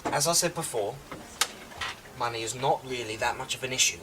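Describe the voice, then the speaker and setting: A man's voice: medium pitch, a little fast, noisy background. An English man, an amateur film-maker in a mockumentary comedy, boasting in a pompous, hesitant way.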